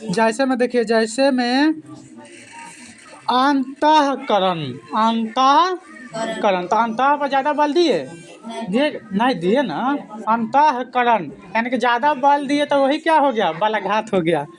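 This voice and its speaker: A man's voice: very high-pitched, lively intonation, moderate pace, soft background music. A male teacher giving an exam-prep grammar lesson, quizzing listeners with repeated questions and then answering them himself. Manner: repetitive, drilling delivery.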